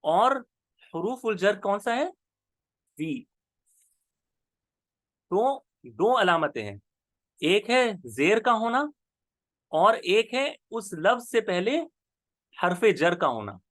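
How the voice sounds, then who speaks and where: Lively high-voiced male grammar teacher. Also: takes it slowly, pauses often, dry recording. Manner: patient, explains step by step, repeats terms. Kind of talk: online grammar lesson.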